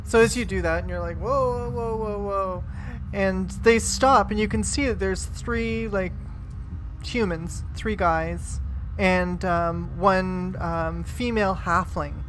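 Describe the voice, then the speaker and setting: A woman's voice: lowish voice, slow, a little hiss or hum. Woman running a tabletop game, chatty and loose, lotta um and like. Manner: casual, hesitant narration with many fillers. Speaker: game master.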